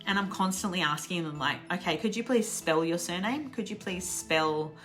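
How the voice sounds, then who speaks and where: An Australian woman teaches English in a relaxed, chatty way. She laughs often and slows down to repeat example phrases. Her voice is bright and a little low for a woman, with faint music in the background. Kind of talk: casual online English lesson.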